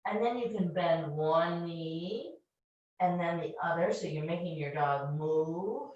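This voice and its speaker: Woman, kids' yoga teacher, slow and gentle, lowish voice, far from mic in a very echoey room, dull sound. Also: a little hiss or hum. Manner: gentle, encouraging step-by-step instructions. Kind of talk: guiding a kids' yoga class.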